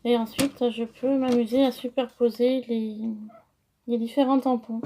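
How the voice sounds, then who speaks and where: A woman's voice: a little high, level tone, measured pace, mellow, a little hiss or hum. A woman with a French accent explaining a paper-crafting project step by step, hesitant with many fillers. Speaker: crafting tutorial host. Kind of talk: casual craft tutorial.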